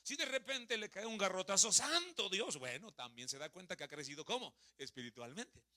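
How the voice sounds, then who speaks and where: With a lively energy, a Mexican preacher in his thirties questions and jokes with his congregation during a sermon in a church hall. His voice sits high and moves at a fairly quick pace, carrying a Mexican Spanish accent.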